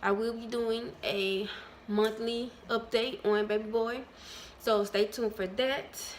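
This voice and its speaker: A woman talking to her viewers in a casual vlog, candid and chatty, calling them y'all, with lots of ums and pauses. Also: on the high side, steady tone, a little hiss or hum. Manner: many ums and trailing pauses. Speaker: vlogger.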